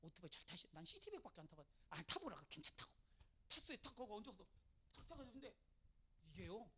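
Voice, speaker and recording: Forceful man preaching a sermon. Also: sits high, sing-song, quick pace, breathy edge. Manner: call-and-response, asking the congregation for amen; moves from soft storytelling to loud preaching. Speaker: pastor. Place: church.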